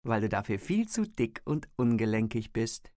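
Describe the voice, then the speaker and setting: A man's voice: lowish voice, sing-song, moderate pace, darkish tone, no room sound, clean studio sound. A man voicing a cheeky teenage schoolgirl who taunts a friend playfully in an audiobook. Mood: teasing.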